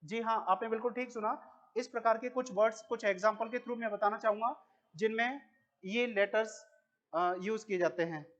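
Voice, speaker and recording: In a classroom lesson, a man with an Indian accent teaches English slowly, repeating each word and posing questions that he then answers himself. His voice sits high and is a bit bright, and the audio is dull.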